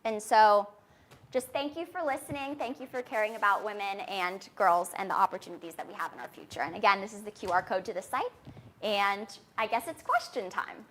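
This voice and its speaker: A young woman giving a confident startup pitch as a founder, explaining things earnestly in a presentation style. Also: fairly quick, a bit bright, slight background noise.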